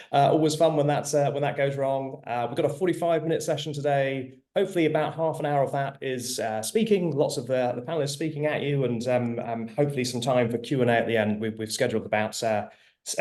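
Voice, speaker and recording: A man moderating an online panel informally, with a halting delivery full of fillers. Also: on the high side, darkish tone. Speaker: webinar moderator.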